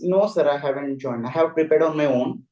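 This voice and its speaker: A man's voice: a little high, fairly quick, warm tone, lo-fi sound. A young man with an Indian accent, a deferential and hesitant interview candidate speaking formally in a roomy, echoey recording. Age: young adult. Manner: deferential, hesitant, says sir constantly.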